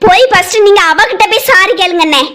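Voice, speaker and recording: A performer voicing a sharp-tongued younger sister in a cartoon family drama, firing accusing questions at her elder brother. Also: very high-pitched, quick pace, slight background noise.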